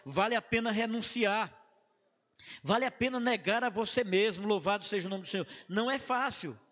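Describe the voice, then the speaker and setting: High-voiced pastor guy preaching hard in a church, big hall reverb, keeps saying praise the lord. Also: normal speed. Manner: fervent preaching that swells to shouts; repeats "praise the Lord" refrains. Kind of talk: evangelistic sermon. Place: church sanctuary.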